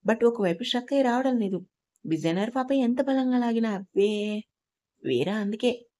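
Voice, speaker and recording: A woman narrating a storybook aloud in a steady, expressive reading voice. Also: fairly high pitch.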